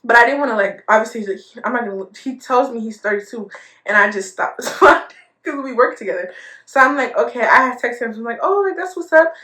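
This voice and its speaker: Chatty and quick, a twenty-something storytime vlogger laughs a lot and fills her casual story with fillers. Her fairly high voice sounds pushed and bright, and the room she's in is echoey.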